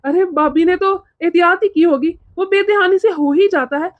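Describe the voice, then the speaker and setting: A woman voicing a calm young son-in-law in a cartoon story, soothing and reasoning with the mother-in-law. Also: extremely high pitch, moderate pace, no room sound. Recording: dull lo-fi sound.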